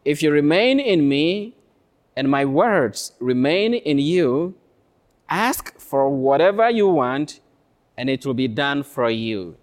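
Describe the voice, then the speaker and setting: A man speaking as a priest to his congregation, reading scripture in a measured, deliberate way. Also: a little high, sing-song. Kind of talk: solemn Gospel reading and address to a congregation.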